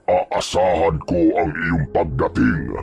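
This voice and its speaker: A man voicing a vengeful male aswang villain who taunts slowly and threateningly, in a horror story narration. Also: sits low, darkish tone. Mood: menacing. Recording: music playing behind.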